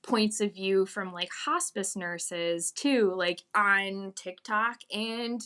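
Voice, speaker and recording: A woman's voice: mid-range voice, slow pace, sharp tone, clean tone. A woman talking candidly and informally as an interview guest, reflective and full of hedging asides. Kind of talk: candid casual conversation.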